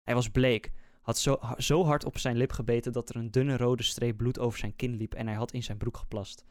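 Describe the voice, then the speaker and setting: Man slowly narrating a horror story. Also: medium pitch, steady tone, no echo, clean studio sound. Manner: slow, measured, suspenseful. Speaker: podcast host.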